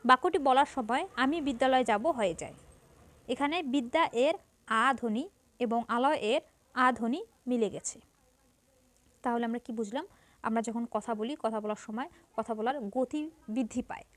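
A woman's voice: a little high, a little slow, long pauses, a bit bright, no room sound. A woman teaching a grammar lesson to students, patiently explaining each point and repeating it.

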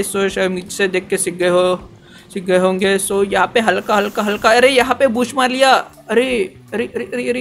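A high-pitched male channel host delivers excitable, chatty gameplay commentary, frequently slipping in English fillers.

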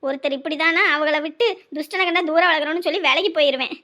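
A woman's voice: sits high, pushed and bright. A woman playing an older, blunt mother-in-law. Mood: tender. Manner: slow, heartfelt, earnest advice. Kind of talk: family drama acting.

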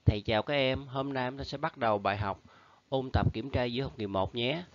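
A man teaching an English review lesson to schoolchildren, reading the options out slowly and patiently, with a Vietnamese accent. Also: medium pitch, lo-fi sound. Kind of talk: recorded lesson for pupils.

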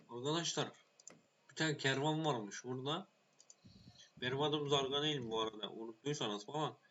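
A man giving casual gameplay commentary, playful and swearing a lot, shouting at the game when it goes wrong. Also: mid-range voice, lo-fi sound, a little hiss or hum. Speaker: gaming YouTuber.

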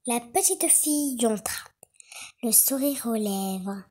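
Expressive woman narrating a fairy tale. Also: fairly high pitch, slow. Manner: expressive, dramatic storytelling. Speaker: storyteller. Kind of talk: children's story narration.

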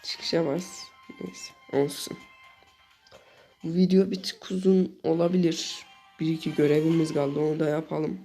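Excitable young man commentating his game. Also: on the high side, a little slow. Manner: excitable, frequently exasperated outbursts. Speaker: gaming channel host. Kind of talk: live gameplay commentary. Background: game music.

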